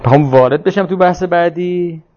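A man with a high-pitched, slightly mellow voice leads an informal religious lecture and discussion, speaking discursively, repeating his points, and posing rhetorical questions. The high frequencies in the audio are cut off.

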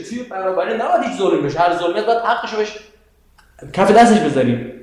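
A man giving a religious lecture to an audience, animated, putting questions to the listeners and quoting scripture. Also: high voice. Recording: very echoey hall.

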